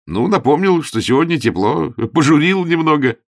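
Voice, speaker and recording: A man voicing an excitable young male curate who bursts out in loud exclamations. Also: on the high side, moderate pace, gravelly, dry recording, clean studio sound, voice pushed up. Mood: gleeful.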